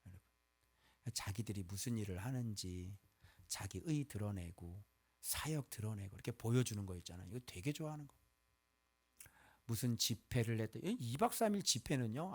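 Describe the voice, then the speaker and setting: A male pastor preaching a sermon. He talks conversationally and switches between loud outbursts and hushed asides. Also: mid-range voice, husky.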